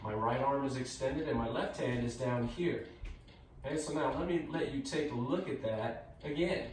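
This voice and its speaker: A man giving calm, measured step-by-step movement cues as a tai chi instructor. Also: mid-range voice. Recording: echoey room, distant mic, faint noise.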